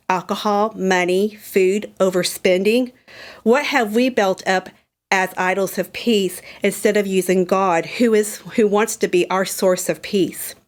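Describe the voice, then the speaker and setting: A woman leads a Bible study in a relaxed, chatty way, retelling a story and acting out what the characters say. Her voice sits at a mid pitch, neither high nor low. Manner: lively, conversational retelling with acted-out quotes. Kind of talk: casual Bible study teaching.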